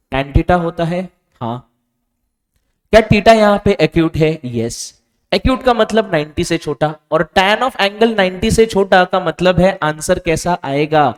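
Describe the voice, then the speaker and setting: A male physics teacher giving a board lecture, asking questions and quietly answering them himself. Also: sits high, animated, a little slow. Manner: stretches out key answer words softly. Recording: reverberant room.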